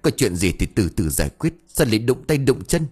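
A man's voice: medium pitch, big pitch swings, a little fast, a little mellow. A man voicing a stern middle-aged village official scolding his two quarrelling wives. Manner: gruff, scolding. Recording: faint background music.

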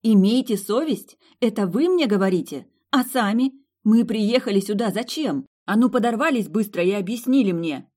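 A woman doing a furious young woman shouting orders. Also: medium pitch, normal speed, voice pushed up, close to an everyday voice. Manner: shouting, commanding like a general.

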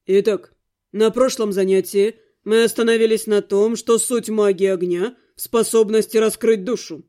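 A woman voicing a strict, dark-haired male fire-magic lecturer in an audiobook, speaking in a demanding, lecturing way. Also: medium pitch, steady tone, moderate pace, voice pushed down, close to an everyday voice. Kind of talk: audiobook character voice.

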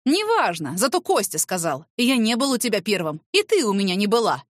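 A woman's voice: medium pitch, big pitch swings, a little fast, dry recording, studio quality. A woman voicing an angry, domineering male boss who barks accusations and sneers sarcastically. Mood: accusing.

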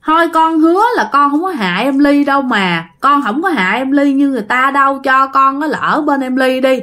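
A woman's voice: high-pitched, fairly quick, bright, forceful tone, voice pushed up. A woman voicing the ghost of a sad young man in his twenties, who pleads through tears. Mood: pleading. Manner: pleading, tearful.

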